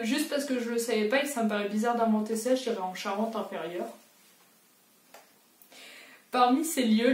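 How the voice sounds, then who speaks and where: Slightly high and a little mellow, this young adult woman's voice comes from far off the mic in an echoey, spacious room. As a booktuber, she talks her way through a quiz, chatty and self-deprecating, musing out loud.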